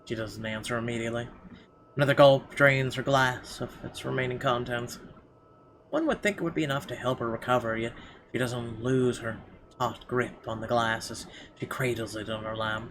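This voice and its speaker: Here a gameplay host narrates a visual novel, his mid-range voice moving at a normal speed. Game ambience sits behind an otherwise clear recording.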